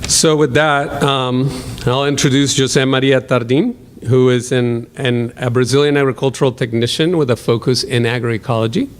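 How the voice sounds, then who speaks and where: At a university talk, a man with a Salvadoran Spanish accent introduces the guest speaker in the lecture hall. His pitch is ordinary and his tone steady, but he hesitates a lot, filling pauses with ums and restarting sentences, while a faint hum runs in the background.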